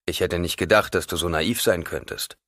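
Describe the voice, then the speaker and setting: A man playing an ancient, calculating god-emperor in an audiobook, measured and commanding. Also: low voice, vocal fry, a bit bright, no echo, studio quality, exaggerated voice. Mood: cool.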